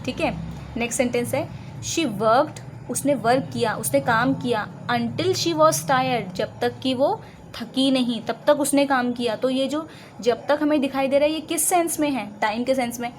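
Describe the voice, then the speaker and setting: Indian woman teacher going over grammar, voice on the high side, faint hiss behind her. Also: measured pace, low-quality recording. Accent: Indian English. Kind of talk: explaining lesson in Hindi with English examples.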